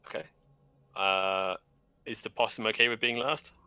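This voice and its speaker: A man's voice: lowish voice, steady tone, normal speed, bright, forceful tone, clear, resonant tone, highs cut off. A man acting as game master, narrating and explaining rules in an online tabletop role-playing game.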